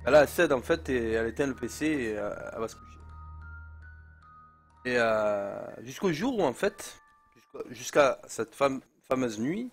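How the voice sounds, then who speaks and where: A young man casually telling a spooky story in slangy speech, full of hesitations and fillers. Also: medium pitch. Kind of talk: casual spoken horror story.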